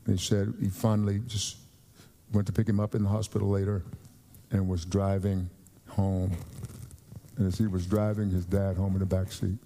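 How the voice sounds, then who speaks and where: A man's voice: low-pitched, level tone, mellow, slight background noise. American guy preaching, earnest, keeps repeating himself, long echo like a big church. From United States. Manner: earnest, repeats and restarts phrases, slows down for emphasis. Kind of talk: sermon. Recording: long hall reverb.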